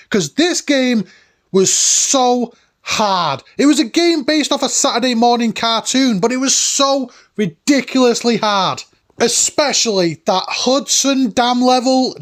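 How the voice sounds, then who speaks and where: A man around forty hosting a retro gaming video with enthusiastic, nostalgic, informal commentary and emphatic delivery. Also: very high-pitched. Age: late 30s to early 40s. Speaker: host of a retro gaming countdown. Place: cabin, indoors.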